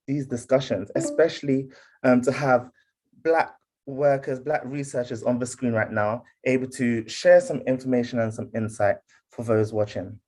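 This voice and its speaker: A man's voice: mid-range voice, darkish tone. A man from the UK hosting an online panel on a video call, friendly, with frequent fillers and restarts. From United Kingdom. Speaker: panel host.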